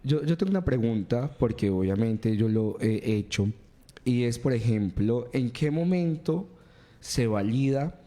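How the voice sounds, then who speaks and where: A man's voice: mid-range voice, expressive, a little slow, mellow. A man, co-hosting a talk show, asking earnest questions and repeating his tag question often. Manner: earnest, restates points, uses tag question cierto. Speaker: co-host.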